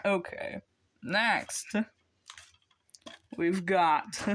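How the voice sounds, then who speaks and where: Teen boy, unhurried unboxing chatter, hesitant and rambling. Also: high-pitched, fairly bright tone, a little hiss or hum. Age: teens. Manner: rambling, hesitant, many ums. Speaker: vlogger. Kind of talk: casual unboxing chat.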